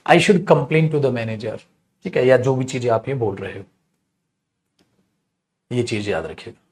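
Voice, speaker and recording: A man teaching a spoken English lesson, explaining patiently in Hindi and addressing his students affectionately. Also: fairly high pitch.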